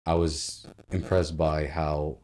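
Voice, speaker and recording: This guest has an extremely low, darkish voice, level in tone and slow-paced. He's a Ukrainian agency founder in his thirties, talking casually and laughing often, with loose phrasing. The interview happens in a home living room, captured on a studio mic on a boom arm.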